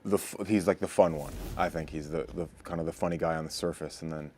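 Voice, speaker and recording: An actor with an extremely deep voice and a level, unvaried delivery. He speaks haltingly in an interview, with restarts and fillers as he works out how to describe his role. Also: steady tone, a little mellow, breathy edge. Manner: halting, searching for words. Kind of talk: interview talk about a character.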